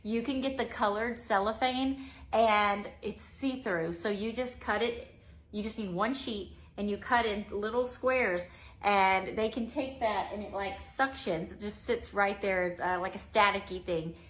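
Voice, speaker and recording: A woman's voice: medium pitch, a little slow. A woman with an American accent giving a preschool teaching demonstration, with simple step-by-step instructions and firm classroom rules. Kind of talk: teaching demonstration, addressing young children and fellow teachers.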